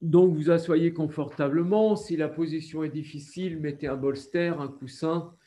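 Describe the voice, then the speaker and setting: A man with a French accent leading a yoga class over a video call, giving slow, calm instructions with breathing cues. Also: fairly high pitch. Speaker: yoga teacher.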